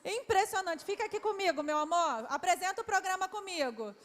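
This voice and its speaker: Very high-pitched, expressive and slightly bright, a Brazilian woman who is a historian briskly leads a lively children's quiz at a public event. She coaxes the schoolchildren with affection, calling them "my love"; the large hall echoes and carries faint background noise.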